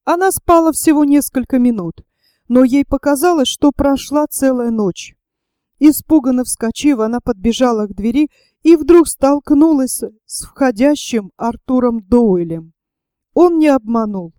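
A woman narrating a novel as an audiobook in a steady, measured reading. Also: sits high, no room sound, clean studio sound.

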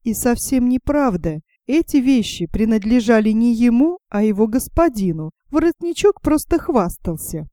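A woman tells a fairy tale in a lively, expressive reading voice. Her tone is mellow and sits a little high. The recording is dry and close. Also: normal speed, hardly any pauses, no echo. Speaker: narrator.

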